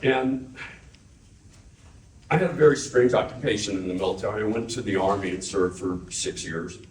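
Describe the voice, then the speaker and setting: Older man, casual storyteller, animated; roomy sound, faint background hum. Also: lowish voice, normal speed, recorded from a distance. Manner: animated storyteller, acts out quotes with a laugh. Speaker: interviewee remembering his brother. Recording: echoey room, voice a bit off-mic.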